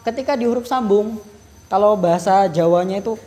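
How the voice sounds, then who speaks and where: A man's voice: high-pitched, fairly quick, warm tone, big-room sound. A Javanese man teaching a Quran recitation workshop, modeling letter sounds and explaining casually. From Java, Indonesia. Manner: drills syllables, then explains casually.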